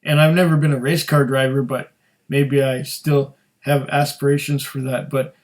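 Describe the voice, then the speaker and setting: A man's voice: medium pitch, level tone, moderate pace. A middle-aged man who hosts a whisky tasting, talking in a rambling, chatty way with frequent restarts. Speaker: whisky reviewer. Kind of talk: casual tasting chat.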